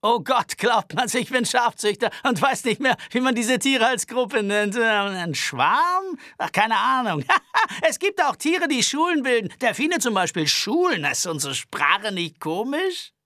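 A man's voice: extremely high pitch, big pitch swings, unhurried, pushed and bright, no room sound, clean studio sound, pitched above the performer's own voice, exaggerated voice. A man voicing a nervous, rambling sheep farmer in a Western audiobook, babbling and laughing nervously.

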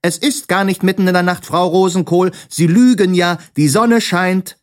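A man voicing a cheeky, noisy childlike creature with a high, piercing voice that sings badly off-key. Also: very animated, normal speed. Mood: shouting. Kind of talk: audiobook character voice.

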